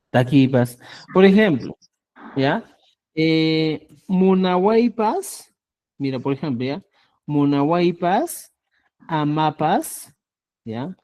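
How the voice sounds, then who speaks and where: A language teacher giving a class, repeating example phrases slowly and checking understanding with frequent "¿ya?". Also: mid-range voice, darkish tone. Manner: spells out example phrases syllable by syllable. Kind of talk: online class lecture.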